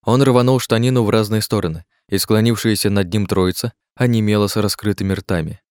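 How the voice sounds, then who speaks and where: A man narrating an audiobook in a steady reading voice, raising his pitch for the characters' lines. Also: fairly quick, no echo, studio quality. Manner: reads steadily, shifts pitch for dialogue.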